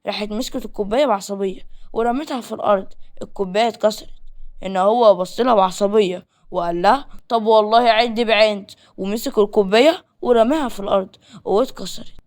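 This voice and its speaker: A woman with an Egyptian accent reading a romance novel aloud as narrator, in a lively storytelling manner. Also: medium pitch, fast. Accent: Egyptian Arabic.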